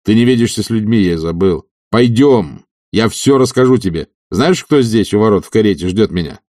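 A man reading an audiobook, voicing an energetic, loyal friend who talks in an urgent, insistent way. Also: on the low side, normal speed, no room sound, clean studio sound, natural voice. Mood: urging.

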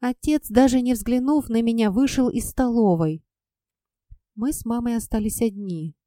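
A woman narrating a first-person audiobook in an expressive, measured reading. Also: on the high side, no echo, clean studio sound.

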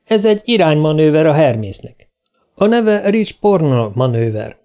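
A man voicing a male crew engineer, speaking slowly and precisely. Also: on the high side, sing-song, warm tone, voice pushed up. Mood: astonished.

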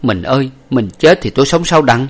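A man's voice: medium pitch, expressive, fairly quick, pitched above the performer's own voice, lightly acted. A man voicing a loyal husband weeping and pleading over his dying wife. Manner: sobbing, pleading.

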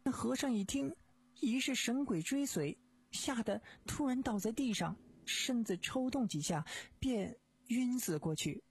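A woman's voice: a little high, expressive, measured pace, a little mellow, husky, heavily acted. A woman voicing a young wronged wife who earnestly recounts her ordeal in radio storytelling. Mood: telling. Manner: earnest, pleading first-person telling. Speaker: storyteller voice of a female character.

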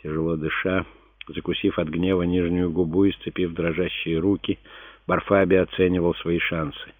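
A man reading a historical novel aloud as narrator, in a steady, measured way. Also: low-pitched, no echo. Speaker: audiobook narrator. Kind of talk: scripted narration. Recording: dry, phone-like narrow sound.

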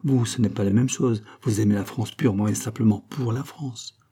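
A man's voice: lowish voice, moderate pace, warm tone, slightly rough. A man reading aloud, voicing a proud, imperious queen in a storybook reading. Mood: haughty. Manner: imperious, reproachful. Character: proud haughty queen, woman, stern.

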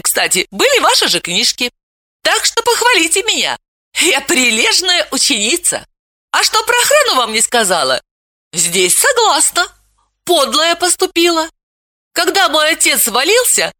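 A loud, cheeky young woman who exclaims nearly everything and swings wildly up and down in pitch, as a woman narrator puts her on. Her voice sits high and bright, recorded close and dry. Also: no echo, exaggerated voice. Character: brash young woman, defiant and provocative. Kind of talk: audiobook character voice.

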